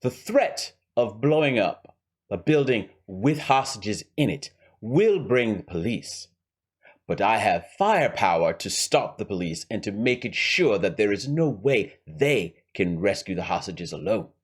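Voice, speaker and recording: Scheming heist villain with a weak fake German accent done by a man, dramatic pauses, lively swooping pitch. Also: husky, full character voice. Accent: put-on German villain accent, admittedly poor. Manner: theatrical, dramatic pauses, hushed whispered emphasis. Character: scheming suave male villain planning a heist.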